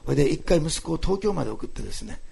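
A man preaching a sermon, telling a congregation story with lively asides. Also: a little high, racing, vocal fry, slightly rough. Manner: animated storytelling with frequent laughs and asides. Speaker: pastor. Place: church hall, streamed online.

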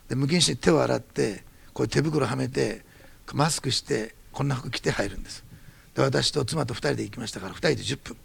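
A man preaching as a pastor, telling a testimony in quick, animated bursts. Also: mid-range voice, gravelly, breathy edge. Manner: fast-talking, animated storytelling. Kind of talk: sermon testimony.

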